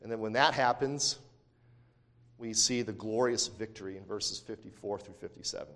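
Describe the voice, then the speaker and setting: A man's voice: lowish voice, normal speed, a bit bright, long reverb tail. A man teaching a Bible lesson, reading verses aloud and explaining them with emphatic repetition and frequent self-corrections. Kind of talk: scripture lesson.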